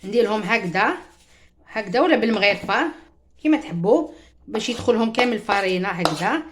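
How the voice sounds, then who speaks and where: Fast-talking Algerian woman cooking. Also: medium pitch, animated, a bit bright. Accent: Algerian Arabic. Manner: chatty, talks straight to viewers, mixes in French words. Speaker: cooking show host. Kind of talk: home cooking demonstration.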